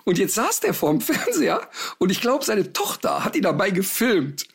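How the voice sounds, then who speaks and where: A man, chatting casually as a dog trainer on a podcast. His voice is gravelly and a bit husky, pitched slightly high, and it swings widely as he tells stories with animated, rambling asides. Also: normal speed.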